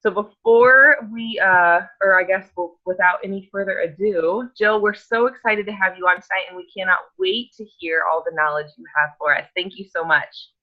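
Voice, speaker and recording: A woman hosting a team video call, relaxed and friendly as she introduces the guest. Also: medium pitch, moderate pace, few pauses. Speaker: call host. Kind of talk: casual introduction. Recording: dull lo-fi audio.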